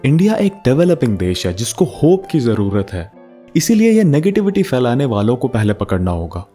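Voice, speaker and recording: A man's voice: mid-range voice, sing-song, normal speed, dark tone, soft background music. A man with an Indian accent hosting a casual commentary video in a rhetorical, teasing manner. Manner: rhetorical, teasing, mixes Hindi and English slang. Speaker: video essay host.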